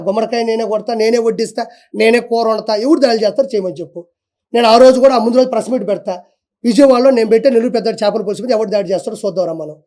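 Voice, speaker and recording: A man with a strikingly high voice tears through a heated, defiant rant as an interview guest. He talks fast and drives each point home by repeating it, challenging anyone to prove him wrong. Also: warm tone. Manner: fiery, defiant, repeats for emphasis.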